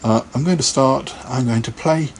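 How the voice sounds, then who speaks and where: A man's voice: medium pitch, normal speed, darkish tone, slight background noise. A man hosting a casual live podcast, chatting in a rambling way and laughing often. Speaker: podcast host.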